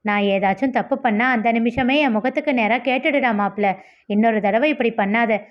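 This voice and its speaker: Woman reading as a young man, tearful, reproachful, brighter pitch, dull lo-fi sound. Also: a little fast, natural voice. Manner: tearful, pleading, then reproachful. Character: young man, hurt and emotional friend.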